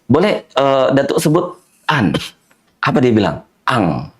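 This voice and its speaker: A man who teaches Quran recitation tells stories from his classes in an easy, chatty way. His pitch moves widely as he acts out his students' slips, and he breaks into laughter often. He sits at a middle pitch. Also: unhurried. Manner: animated, mimics students' mispronunciations, laughs often. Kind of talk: casual conversational storytelling.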